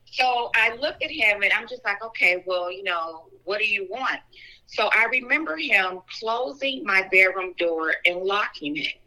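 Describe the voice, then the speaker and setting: A woman guest in an interview telling a personal story in an earnest, fast way, full of "like" and "so". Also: mid-range voice, expressive, pushed and bright, poor audio. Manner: earnest, talks fast with frequent "like" and "so".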